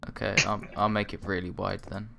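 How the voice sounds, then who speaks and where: A young man streaming a space building game, chatting and joking with a friend, laughing loudly and squealing. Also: lowish voice, little pitch movement, fairly quick, vocal fry. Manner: joking and playful, bursts into loud laughs and squeals. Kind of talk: casual gaming chat with a friend.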